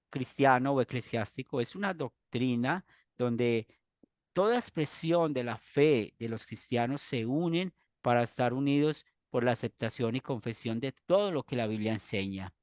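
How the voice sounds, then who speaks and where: Man, pastor teaching doctrine, mid-pitched voice, dry close sound. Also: lively intonation, a little mellow, no echo. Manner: earnest, explanatory, with frequent pauses and restarts. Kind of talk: church doctrine lesson.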